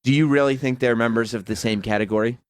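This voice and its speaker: Male co-host, deadpan teaser, quick delivery, close dry studio sound. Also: medium pitch, dry recording. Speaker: radio co-host. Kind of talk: casual studio banter.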